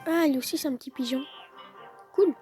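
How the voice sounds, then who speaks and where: High-voiced woman narrating her gameplay. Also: brisk, soft background music, rough recording. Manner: relaxed, chatty play-by-play, excited bursts. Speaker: gameplay commentator. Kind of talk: live gameplay commentary. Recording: noticeable background noise.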